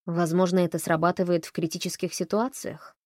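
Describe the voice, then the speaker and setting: A calm, caring woman, read by a female narrator who speaks softly and evenly. She stays measured and firm. The recording is close and dry. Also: fairly low pitch, no room sound, natural voice. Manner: soft, gentle, measured.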